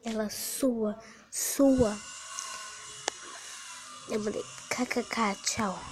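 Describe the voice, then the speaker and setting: A woman's voice: a little high, steady tone, very slow, noisy background. A young teenage girl vlogging, retelling a prank chat story in a casual way and often dropping to a whisper. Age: young teen.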